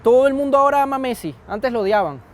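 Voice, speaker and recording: A man's voice: very high voice, expressive, very fast. A young man with a Venezuelan accent preaching a sermon in a conversational way, often asking his congregation questions.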